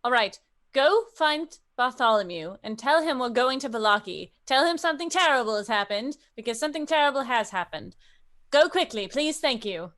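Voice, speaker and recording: High, animated woman role-playing. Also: moderate pace. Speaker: tabletop game player. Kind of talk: casual in-character role-play.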